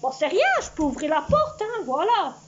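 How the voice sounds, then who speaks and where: A woman's voice: sits high, big pitch swings, moderate pace. A middle-aged woman chatting casually to her viewers in her home kitchen as she cooks, talking straight to camera. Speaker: cooking vlogger. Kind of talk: casual cooking vlog. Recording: dull lo-fi sound, faint noise.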